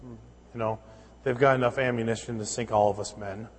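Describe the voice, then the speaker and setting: A man preaching from the pulpit in a church sanctuary, his voice trailing into a long hall reverb. He tells stories and acts out the dialogue, then rises into emphatic, insistent preaching. His pitch sits in an ordinary middle range. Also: fairly even intonation, moderate pace, a little hiss or hum. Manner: storytelling with acted dialogue, rising to emphatic preaching. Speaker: pastor. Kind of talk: sermon.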